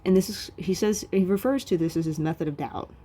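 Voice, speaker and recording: A woman with a low voice and a warm, soft tone explains philosophy in a video lecture. She talks casually and loosely, filling the pauses with "um" and "like". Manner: casual and chatty, many fillers like "um" and "like".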